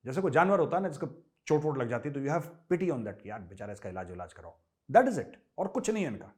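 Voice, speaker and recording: A man's voice: mid-range voice, very animated, brisk, darkish tone. A middle-aged man from India hosting a political commentary show, talking emphatically and with scorn, full of rhetorical questions. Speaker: host.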